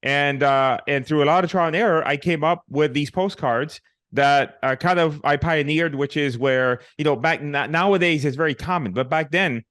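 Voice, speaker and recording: A man's voice: medium pitch, a bit bright, no room sound, clean studio sound. A middle-aged man from Puerto Rico with a Puerto Rican accent, telling his story as a guest in a casual interview, joking and dropping in many fillers and restarts. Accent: Puerto Rican Spanish. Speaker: guest, real estate investor.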